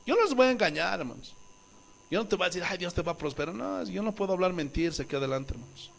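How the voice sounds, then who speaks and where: A male pastor from Bolivia preaching a sermon, impassioned and swinging from loud exclamations to quiet asides, acting out quoted voices. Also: high-pitched, animated, fast, creaky. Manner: acts out quoted voices with wailing and pleading tones.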